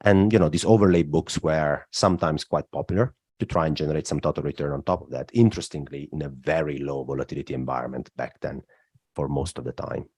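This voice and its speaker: A man from southern Italy speaks in a very low, deep voice. He explains at length as a podcast guest, leaning on "look" and "uh" as he builds each point. The sound is close and dry, with no room around it. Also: steady tone, fast, a little mellow, breathy edge, no room sound. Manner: explanatory, frequent "look" and "uh" fillers. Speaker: guest, macro strategist. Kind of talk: podcast interview.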